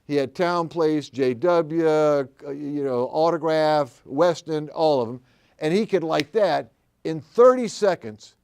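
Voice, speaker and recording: An older man runs a live training seminar with a slightly raised pitch. He tells folksy stories and keeps tossing questions to the audience. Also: a little slow, a little mellow, clean tone. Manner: folksy, storytelling, asks the room questions. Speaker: commercial real estate trainer.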